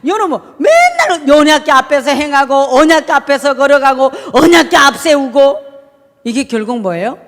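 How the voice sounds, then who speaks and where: A woman pastor preaching a sermon, firing rhetorical questions at the congregation and swinging between shouting and a near-murmur. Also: high-pitched, big pitch swings, normal speed. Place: church sanctuary. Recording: echoey church hall.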